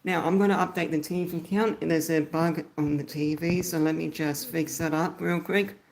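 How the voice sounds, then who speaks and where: Gravelly Australian man live-streaming. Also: on the high side, steady tone, moderate pace, a little hiss or hum. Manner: chatty, keeps thanking viewers by name. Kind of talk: casual livestream chat. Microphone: phone.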